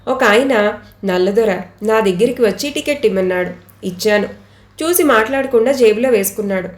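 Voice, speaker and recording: A woman reading a classic novel aloud as a steady, measured first-person narration. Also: fairly high pitch, echoey room. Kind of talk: storybook reading.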